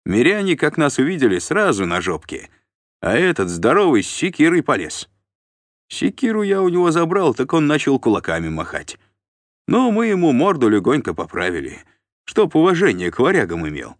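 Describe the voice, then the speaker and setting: A man voicing a gruff, boastful Varangian squad leader who talks loudly and mockingly. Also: medium pitch, huge pitch swings, normal speed, no echo, voice pushed up. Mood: boasting.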